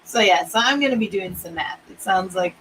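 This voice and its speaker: A woman's voice: medium pitch, fairly quick, fairly bright tone, slight background noise, rough recording. A woman hosting a casual writing chat over a video stream, talking in loose, laughing stories with trailing restarts.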